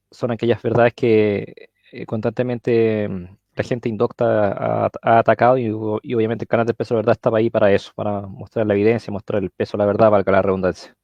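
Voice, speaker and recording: A Chilean man speaking as a guest on a live religious stream, often pausing and searching for words. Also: fairly low pitch, gravelly, no room sound, muffled recording. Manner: hesitant, searching for words, many fillers.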